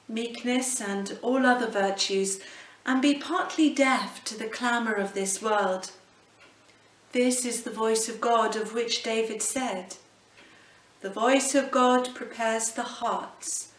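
A middle-aged woman, a cathedral canon, giving a reflective devotional talk with slow, gently emphatic delivery, speaking at medium distance from the camera in an indoor hallway. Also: a little high. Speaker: cathedral canon presenting a series. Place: indoor hallway at the foot of a staircase. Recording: roomy echo, voice a little off-mic.

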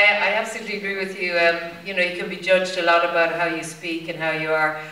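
An Irish woman with a Limerick lilt answers a panel question frankly, piling on fillers and restarts. Her voice is bright and fairly flat in melody. It carries from a little off the mic through a roomy hall. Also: fairly low pitch, distant mic, slight background noise. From Ireland. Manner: candid, chatty, many fillers and restarts.

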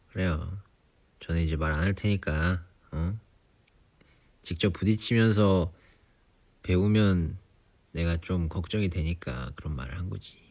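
A young man in his twenties, relaxed and chatty on a sleepy late-night livestream, teasing himself for nagging like an elder. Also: sits low. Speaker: idol livestream host. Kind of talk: casual livestream chat. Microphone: phone or device mic, voice-only live.

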